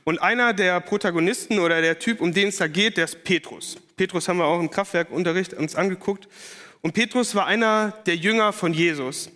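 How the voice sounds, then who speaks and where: A man giving a casual, lively youth sermon and using slang. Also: high voice, a little fast. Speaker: youth pastor. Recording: long hall reverb.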